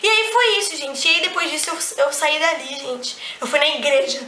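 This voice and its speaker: A woman's voice: high-pitched, slight background noise. A young woman with a Brazilian accent, chatting animatedly as a vlogger, telling a personal story with many restarts. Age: young adult. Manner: animated, quick restarts, acts out quoted lines. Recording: echoey room.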